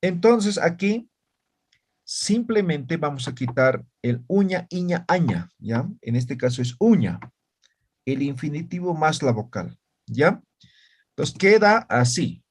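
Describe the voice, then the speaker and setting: A man teaching an online language class, explaining patiently and often checking that students follow. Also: a little high. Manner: slow, patient, checks understanding with "¿ya?" and "¿no ve?".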